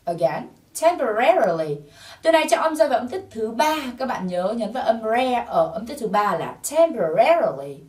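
A woman's voice: fairly high pitch, lively intonation, quick pace, hardly any pauses, recorded from a distance. A woman teaching a TOEIC English lesson, patiently explaining answers and drilling pronunciation through repetition. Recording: roomy sound from off-mic.

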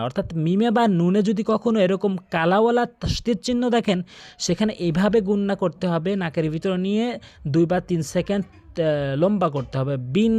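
A man's voice: on the high side, a little mellow, no echo. A man teaching Quran pronunciation in a video lesson, earnestly repeating corrections and stretching out practice words.

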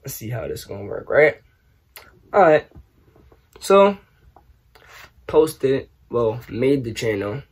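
A young man from New York, raised partly in Trinidad, answering questions in a casual vlog, animated and joking with lots of slang. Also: mid-range voice, slow pace, long pauses, breathy edge. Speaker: YouTuber. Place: small bedroom, indoors.

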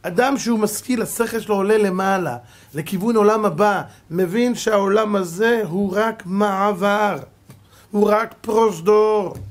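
A male rabbi giving a Torah lesson, preaching emphatically and swinging between loud and soft as he tells stories. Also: sits high. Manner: storytelling with acted quotes.

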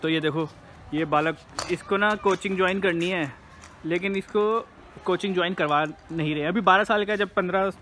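Chatty high-voiced young man vlogging. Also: moderate pace, sharp tone, slight background noise. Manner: chatty, teasing, talks straight to the camera. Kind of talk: casual vlog chat to viewers.

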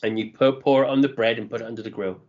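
A middle-aged man in easy conversation, voice at a middling pitch. He rambles happily, chuckling now and then, on a dull, lo-fi podcast recording. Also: steady tone, fast talker, a little mellow. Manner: chatty, enthusiastic about food, chuckles often. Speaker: podcast co-host. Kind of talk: casual chat.

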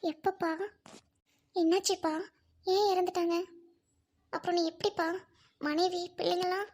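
A woman's voice: extremely high pitch, level tone, a little slow, darkish tone, a little hiss or hum. A woman playing a grieving young widow, speaking in a sorrowful, pleading way as amateur drama acting.

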